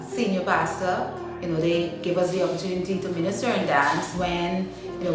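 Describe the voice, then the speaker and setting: A woman from Guyana, answering interview questions about her dance ministry in a chatty way, with many "you know" fillers. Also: fairly low pitch. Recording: echoey room, mic at a distance, music underneath.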